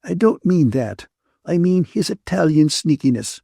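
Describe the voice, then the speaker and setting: A man's voice: on the high side, very animated, unhurried, creaky, warm tone, slightly rough, dry recording, studio quality, pitched above the performer's own voice, heavily acted. A man voicing a bitter, tearful woman in an audiobook, indignant, accusing and wounded. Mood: indignant, scornful. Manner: accusing, emphatic, aggrieved.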